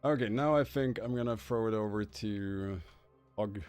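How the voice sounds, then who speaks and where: A man with a Swedish accent hosting a casual gaming stream, chatty and quick to laugh. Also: lowish voice, darkish tone, smooth, faint music behind. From Sweden. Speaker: streamer host.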